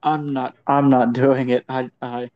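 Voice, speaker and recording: A man co-hosting a casual podcast, laid-back and chatty, who gets excited when talking about anime. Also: mid-range voice, a little slow. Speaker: podcast co-host. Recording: dull lo-fi sound.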